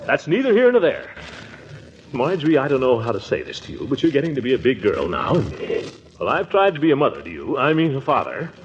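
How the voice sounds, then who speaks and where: Sentimental fussy uncle, middle-aged, theatrical, very animated, 1940s radio comedy, muffled vintage recording. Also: male voice, mid-range voice, brisk, noisy background. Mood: fussy, flustered. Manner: theatrical, hemming and exclaiming.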